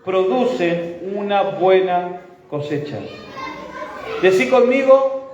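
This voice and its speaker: High-voiced Rioplatense pastor preaching in echoey hall. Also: male voice, expressive, takes it slowly, a little mellow, a little hiss or hum. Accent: Rioplatense Spanish. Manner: preaching with call-and-response to the congregation. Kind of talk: sermon. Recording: echoey hall, dull sound.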